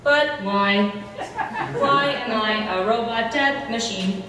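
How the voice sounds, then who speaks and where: Woman playing a slow, echoey, questioning giant robot fiddle. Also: on the high side, a crowd in the background. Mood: bewildered. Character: giant robot fiddle, earnest, newly self-aware, questioning. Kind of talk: stage comedy acting. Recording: echoey noisy hall from far off.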